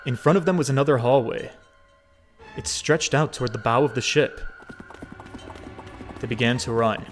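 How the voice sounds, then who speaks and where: A man reading a visual novel aloud, with expressive casual commentary and frequent swearing. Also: medium pitch. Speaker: game streamer.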